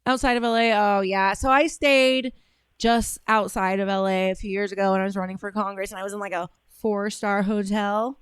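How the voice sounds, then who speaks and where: Here the host of a call-in podcast chats loosely with callers in a mid-range voice at an ordinary pace, her intonation fairly level. She's outspoken and profane and laughs often, and the sound is clean with no echo.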